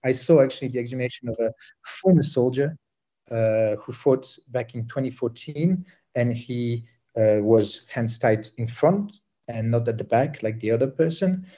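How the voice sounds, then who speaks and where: A man originally from Bosnia, a war correspondent reporting from the field, speaking haltingly with many fillers and restarts. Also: medium pitch, mellow, muffled recording.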